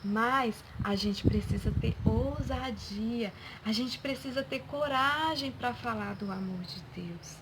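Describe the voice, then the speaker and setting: A woman telling a Bible story to children, slowly and expressively, acting out each character's lines. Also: a little high. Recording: loud background noise.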